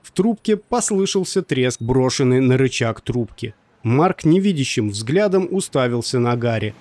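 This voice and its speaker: Sex: man. Role: narrator. Style: audiobook narration. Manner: steady, measured. Pitch: middle. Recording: dry, close. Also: no room sound.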